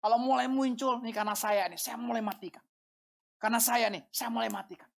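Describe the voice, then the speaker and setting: A woman pastor preaching a sermon, animated and rising to shouts for emphasis. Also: a little high, fairly quick, creaky.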